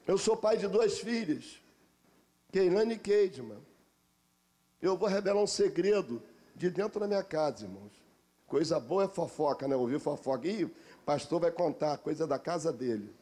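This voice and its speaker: A middle-aged Brazilian man preaching a sermon as a pastor, driving his points home with repeated phrases and personal stories. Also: high-pitched.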